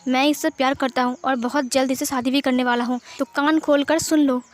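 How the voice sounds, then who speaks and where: Woman doing a jealous, protective young man; stern and commanding, high-pitched read. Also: fairly even intonation, fairly quick, natural voice. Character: possessive, hot-tempered young man in love.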